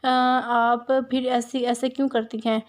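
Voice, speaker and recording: A woman's voice: on the high side, little pitch movement, a little slow, lightly acted. A woman voicing a pushy, insistent young man questioning his fiancée. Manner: probing, insistent.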